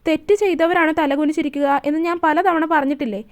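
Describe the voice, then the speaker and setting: A woman voicing a gentle but firm elderly grandmother, speaking in a calm, measured, motherly way. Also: sits high, lightly acted. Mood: stern.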